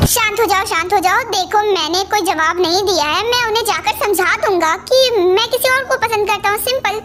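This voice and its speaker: A woman voicing an easygoing, apologetic young man in an amateur fan dub, with a coaxing, pleading tone. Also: extremely high pitch. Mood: calming. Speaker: fan dubber. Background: faint music.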